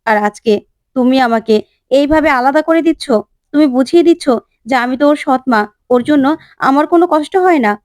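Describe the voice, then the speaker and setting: A woman's voice: high-pitched, a little fast, dry recording, clean studio sound, natural voice. A woman voicing an elderly grandmother who is a dramatic, bitter stepmother, speaking in a pleading, reproachful way.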